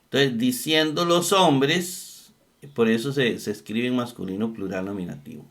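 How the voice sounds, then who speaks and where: A man's voice: medium pitch, moderate pace, a bit bright. A man teaching a methodical lesson on Greek verb forms, repeating each term and thinking aloud as he looks things up. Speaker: Bible exegesis teacher. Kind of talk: slow screen-share lesson on Greek grammar.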